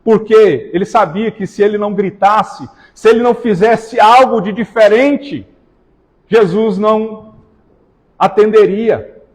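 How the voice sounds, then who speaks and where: A male pastor preaching to his congregation, pressing hard on key words and tossing in joking asides. His voice sits high for a man. The sound rings with the long reverb of a church hall. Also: a little slow, a little mellow. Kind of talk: sermon.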